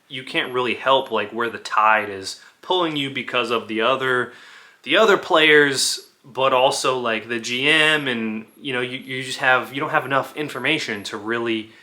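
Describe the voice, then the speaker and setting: Male channel host, mid pitch, very bright tone, rambling and analogy-driven casual talk. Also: normal speed. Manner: rambling, full of "like" and restarts, builds analogies. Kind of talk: casual video commentary.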